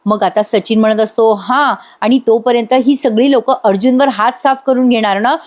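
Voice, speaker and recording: A woman's voice: fairly high pitch, steady tone, fairly quick, a little mellow. A woman giving a chatty voice-over review of a TV serial episode, exclaiming and speaking straight to her audience.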